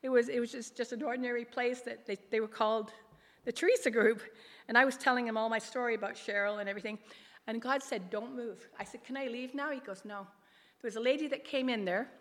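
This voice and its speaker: In a reverberant hall at a church gathering, a middle-aged lay ministry leader tells her personal testimony to an audience. Her big, emphatic voice is on the high side and steady in tone, and she is a fast talker whose earnest account tends to ramble.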